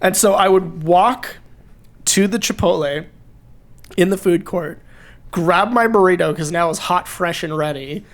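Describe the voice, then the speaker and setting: A young man co-hosting a podcast, telling a story in casual chat, excitable and profane, laughing through it. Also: sits high, a little slow. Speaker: podcast co-host.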